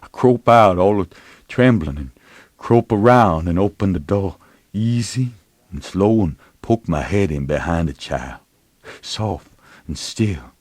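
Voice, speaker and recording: A remorseful father pours out his grief, as a man reads him aloud in a drawling folksy dialect, his voice sinking low and then breaking out loud. The delivery rises and falls widely, and the sound is close and dry. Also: lively intonation, a little slow, no room sound. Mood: anguished. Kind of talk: dramatic reading of a novel.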